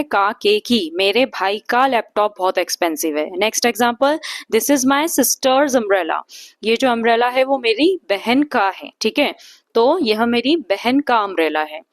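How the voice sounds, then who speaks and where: Patient woman teaching young kids, fairly high voice. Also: no room sound. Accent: Indian English. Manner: patient, asks the class questions and answers them, repeats "ठीक है". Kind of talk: explaining a grammar lesson to young students.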